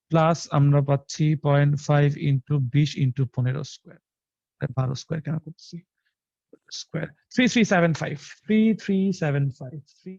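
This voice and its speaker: A man's voice: a little high, darkish tone, dry recording, highs cut off. A young man with a Bangladeshi Bengali accent teaching a live online physics class, colloquial and repetitive, mixing in English terms. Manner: colloquial, mixes English terms, repeats phrases.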